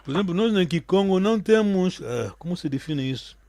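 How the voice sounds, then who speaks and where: Guy teaching a language class on a video call, kinda high voice, dry sound, keeps asking if everyone's following. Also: expressive, fairly quick, mellow, no echo. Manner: patient, checks understanding often. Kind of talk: online language lesson.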